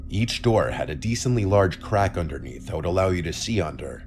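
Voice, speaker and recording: A man reading a first-person horror story as scripted narration, in a calm, steady telling. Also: low-pitched, brisk, background noise.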